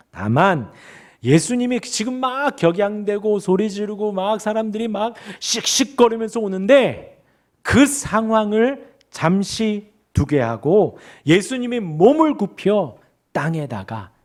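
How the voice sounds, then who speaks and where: A male pastor preaching an expository sermon in a church, asking his congregation questions and leading them in reading aloud. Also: high voice. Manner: animated, asks the congregation rhetorical questions. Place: church sanctuary.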